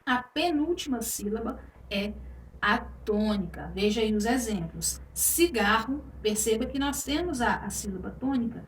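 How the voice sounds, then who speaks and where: A woman's voice: fairly high pitch, lively intonation, moderate pace. Woman teaching grammar, echoey room. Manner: explanatory, checks in with frequent "tá?" and "ok?". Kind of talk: online grammar lesson. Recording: echoey room, voice a bit far from mic, faint noise.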